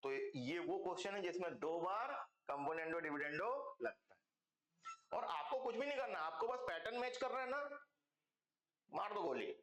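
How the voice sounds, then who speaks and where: High-voiced man teaching math step by step. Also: expressive, normal speed, fairly bright tone, reverberant. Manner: explains step by step with many check-ins to students; calls students "beta" and "bachcho". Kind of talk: online class lecture.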